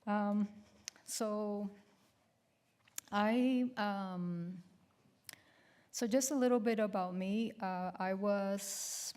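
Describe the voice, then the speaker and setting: Hesitant, slow-talking woman lecturer. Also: mid-range voice, a little mellow, clear, resonant tone. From Colombia. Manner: hesitant, many ums and restarts. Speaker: guest artist giving a lecture. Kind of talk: public lecture with slides.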